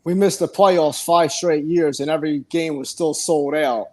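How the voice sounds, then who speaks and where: A man's voice: a little high, fairly even intonation, normal speed. A man from Philadelphia calling in to a sports show, chatty and self-deprecating. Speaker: caller. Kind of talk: casual sports chat.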